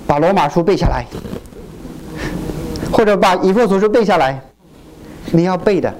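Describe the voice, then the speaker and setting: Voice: mid-range voice, normal speed, slight background noise. A pastor from China preaching a sermon, asking the congregation questions and acting out what churchgoers say. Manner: animated, asks the congregation questions and acts out quoted churchgoers.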